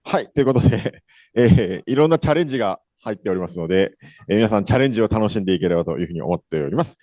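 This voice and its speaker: A man's voice: on the low side, animated, rapid-fire, mellow, no room sound, clean studio sound. A man hosting a conference keynote, introducing the speaker in a chatty, rambling way with many fillers and self-corrections. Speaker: event host. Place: conference hall.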